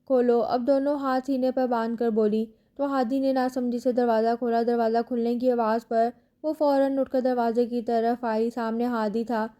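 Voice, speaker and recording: Woman reading a novel out loud, steady storytelling, high and soft. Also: hardly any pauses. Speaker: novel reader. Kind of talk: audiobook narration.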